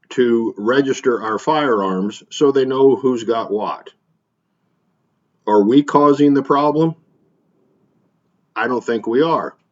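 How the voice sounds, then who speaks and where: A middle-aged man from Illinois hosting an opinion monologue, talking plainly with uhs and frequent throat clearing. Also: fairly low pitch. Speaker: vlog host, gun dealer. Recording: dull lo-fi sound.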